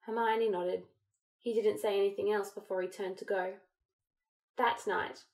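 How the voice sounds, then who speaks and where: A woman narrating a fan fiction audiobook in a steady, even storytelling manner. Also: mid-range voice.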